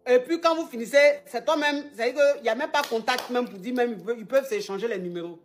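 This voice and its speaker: Animated woman giving advice. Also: a little high, fast, a little hiss or hum. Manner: animated and teasing, repeats phrases, slangy. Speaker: advice show host, relationship coach. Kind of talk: casual advice chat with a caller.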